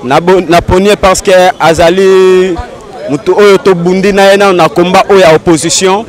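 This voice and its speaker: A man's voice: high-pitched, steady tone, normal speed, some chatter behind. A man giving an earnest, insistent street interview outdoors in a city. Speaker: interviewee, party supporter.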